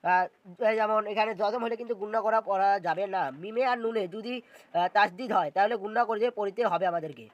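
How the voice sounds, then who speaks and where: A man's voice: high voice, fast, muffled recording. A man teaching Quran reading, spelling out letters and syllables one by one and repeating them in a patient lesson. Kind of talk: slow step-by-step recitation lesson.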